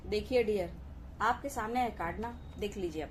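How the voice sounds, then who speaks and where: A tarot reader gives a collective reading, calling her viewers "dear" and repeatedly saying "okay" to reassure them. Her voice is mid-range and a little fast. There's a slight hiss or hum in the audio.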